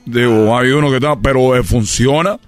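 A man's voice: mid-range voice, normal speed, soft background music, close to an everyday voice. A man voicing a boastful male Cuban baseball player with a Cuban accent, telling a story in a radio comedy sketch. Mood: brash, boastful. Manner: brash storytelling, loud exclamations.

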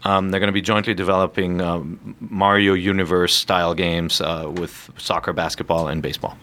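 A man with a very low voice chats on a podcast. He sounds relaxed and lets the ends of his phrases drop away quietly. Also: normal speed. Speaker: podcast co-host. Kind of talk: casual podcast chat.

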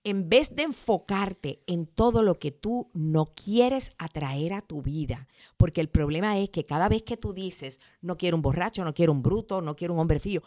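A woman hosting a motivational podcast, talking in a lively way and acting out quoted lines. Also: on the low side, moderate pace. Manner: lively, laughs often, acts out quotes. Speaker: podcast host.

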